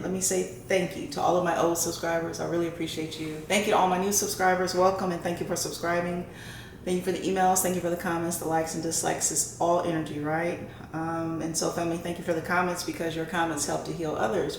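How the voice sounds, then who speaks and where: A woman's voice: lowish voice, vocal fry. A woman hosting a casual tarot and horoscope reading for her viewers, often checking in with a questioning "right?". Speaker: tarot reader and channel host. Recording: roomy echo, faint background noise.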